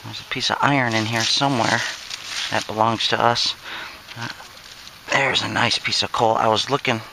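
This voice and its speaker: A man's voice: fairly low pitch, steady tone, normal speed, gravelly, sharp tone, slight background noise, rough recording. A man casually narrating a metal detecting dig to his viewers outdoors, in short repeated remarks as he works. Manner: talks to viewers while digging, repeating short exclamations.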